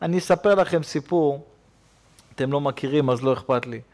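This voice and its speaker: Animated preaching rabbi, high voice. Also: male voice. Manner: animated storytelling preacher, swings between loud and hushed. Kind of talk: sermon. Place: synagogue.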